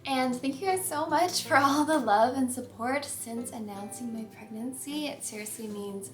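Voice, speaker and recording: A woman's voice: on the high side, normal speed, fairly bright tone. A young woman vlogger chatting casually to camera, slightly out of breath, with many ums and light laughs. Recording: echoey room with faint music.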